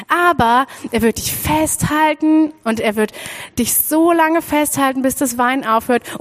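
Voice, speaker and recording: A young woman from Freiburg giving an animated children's sermon and speaking straight to her listeners. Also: high voice. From Freiburg, Germany. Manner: animated storytelling, addresses listeners directly.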